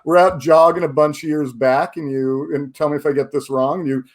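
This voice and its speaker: Teasing male interview host, higher voice. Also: steady tone, a little fast. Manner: teasing, playful. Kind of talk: casual interview chat.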